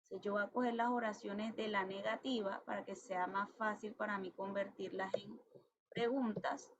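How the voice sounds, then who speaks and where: A woman teacher walks through a grammar lesson step by step, patient and methodical. She reads each English example out slowly and carefully. The recording is dull and lo-fi, with a faint hiss behind her. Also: mid-range voice, steady tone. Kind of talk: classroom lesson explaining grammar. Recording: dull lo-fi sound with faint noise.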